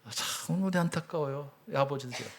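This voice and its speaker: Middle-aged male church elder, sermon storyteller, a touch high-pitched. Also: a little fast, slight background noise. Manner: storytelling with dramatic swings between loud and hushed. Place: church sanctuary.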